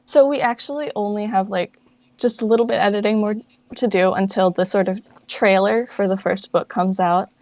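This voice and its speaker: A young woman, a project founder and voice actress, appears as a guest in a casual interview, speaking informally and with self-deprecation. Her medium-pitched voice is steady and darkish at a normal speed, captured in a dry recording.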